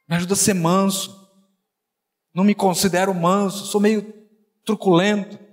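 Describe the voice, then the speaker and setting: High-voiced man preaching in an echoing hall. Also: little pitch movement, moderate pace. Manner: conversational preaching with anecdotes, rising to forceful exhortation. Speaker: pastor. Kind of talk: sermon. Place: church hall. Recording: church hall reverb.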